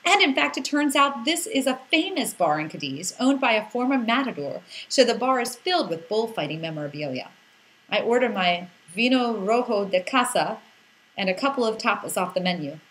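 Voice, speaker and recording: A woman with a medium-pitched voice reads a scripted first-person story, narrating expressively and acting out its exclamations. The recording is rough.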